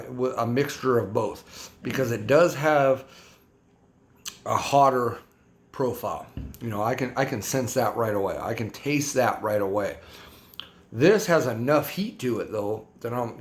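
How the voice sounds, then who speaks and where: A man's voice: mid-range voice, expressive, moderate pace. A man casually reviewing a hot sauce for his vlog, rambling and slangy, repeating himself as he talks.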